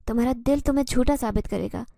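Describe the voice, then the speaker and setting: A woman's voice: fairly high pitch, gravelly, mellow, no echo, clean studio sound. A woman voicing an obsessive, possessive male jinn who speaks intensely and insistently in a horror story.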